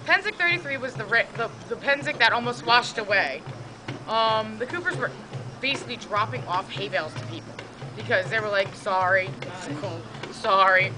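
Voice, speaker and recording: Her voice is high and hoarse, and she says she's lost it, yet she talks a little fast, telling stories among friends at a camping event. Outdoors at the campsite, with music in the background, she curses casually and animatedly performs the voices she quotes.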